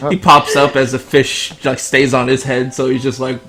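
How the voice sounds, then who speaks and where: A man's voice: medium pitch, little pitch movement, normal speed. Male tabletop player, chatty and amused, faint music behind. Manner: chatty, laughs while describing. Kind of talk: casual narration of a tabletop game.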